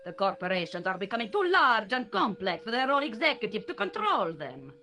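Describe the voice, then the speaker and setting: A cool French conspirator reporting to a secret council in a video game. Her voice is bright and sharp, and her manner is measured, with faint music underneath. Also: fairly high pitch, big pitch swings, full character voice.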